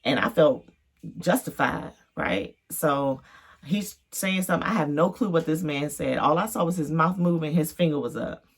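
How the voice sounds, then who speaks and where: A woman giving a casual, animated personal faith testimony and acting out the voices she quotes. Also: sits low, normal speed, breathy edge.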